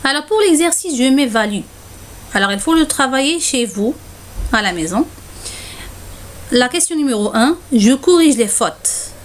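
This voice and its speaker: A woman's voice: sits high, lively intonation, moderate pace, long pauses, a little hiss or hum. A woman teacher giving a spelling lesson, dictating single words with care and saying "alors" often. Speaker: French teacher.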